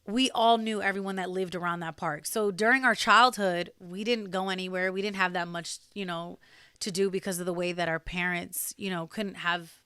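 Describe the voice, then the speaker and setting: Smooth-voiced woman chatting as a guest. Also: fairly low pitch, steady tone, moderate pace, sharp tone, no room sound. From New Jersey. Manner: chatty, many fillers and restarts. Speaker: podcast guest. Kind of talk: casual interview conversation.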